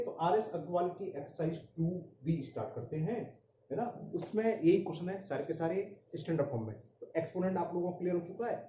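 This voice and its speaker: A man teaching a maths lesson. He explains step by step and mixes Hindi with English terms, stretching out key words slowly. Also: high voice, warm tone. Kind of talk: classroom-style math lesson. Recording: dull echoey room recording with faint background noise.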